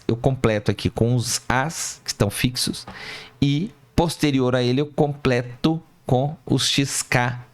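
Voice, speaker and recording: A math professor lecturing at a board works through a calculation step by step, questioning and answering himself and fixing small slips along the way. His voice is mid-range, with no echo.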